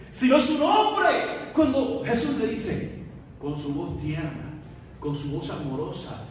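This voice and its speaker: A man with a high voice preaches a sermon, dropping to near-murmurs and then rising to loud, shouted peaks as he acts out scripture scenes. The recording comes from a distance in a big church hall, with a long, roomy echo and faint background hiss. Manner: acts out biblical dialogue. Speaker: pastor. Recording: echoey hall recorded from far off.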